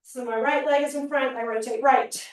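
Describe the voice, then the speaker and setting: A woman's voice: high voice, steady tone, moderate pace. A woman fitness trainer leading a home workout class, counting reps and giving upbeat cues while she gets out of breath. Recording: very echoey room, mic at a distance.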